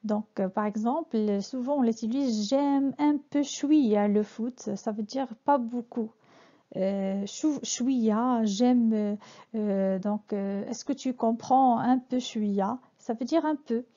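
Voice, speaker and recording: A woman from Morocco teaching a French lesson in a soft, mellow voice that sits a little high. She explains each word with hesitant pauses and fillers. The sound is dull and lo-fi. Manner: hesitant, many fillers and restarts.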